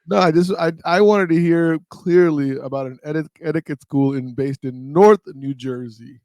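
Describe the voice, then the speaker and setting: A man's voice: fairly high pitch, normal speed, a little mellow, no room sound. A man hosting a casual podcast over a video call, teasing his co-host with playful questions.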